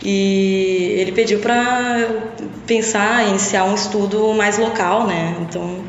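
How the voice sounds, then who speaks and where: On a podcast, a young woman from Brazil casually reflects on her studies, her mid-range voice often ending thoughts with little tag questions. A bit of hiss or hum sits in the echoey lo-fi room, which has long reverb.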